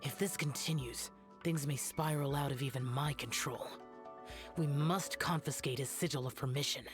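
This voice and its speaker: Man as a cold young guardian: formal, clipped lines over loud game music. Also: medium pitch, moderate pace, close to an everyday voice. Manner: formal, curt, solemn. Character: stern, aloof young male guardian spirit. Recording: game audio under background music.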